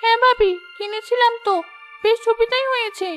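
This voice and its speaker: A woman doing a timid young village woman, very high. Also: steady tone, brisk, a bit bright. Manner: hesitant, pleading. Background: background music.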